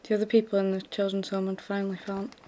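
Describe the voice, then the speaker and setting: A woman reading a memory of her work in a level, even way. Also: mid-range voice, fast, a little hiss or hum. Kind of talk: first-person story reading.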